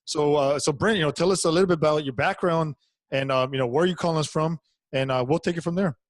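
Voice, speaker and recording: A man's voice: fairly high pitch, fast talker, no echo. Chatty male podcast host. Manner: friendly, hesitant, many fillers. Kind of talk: podcast interview.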